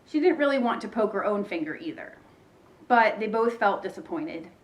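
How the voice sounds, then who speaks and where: A woman teacher reading a children's chapter book aloud, in a clear expressive storytelling manner. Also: medium pitch, normal speed.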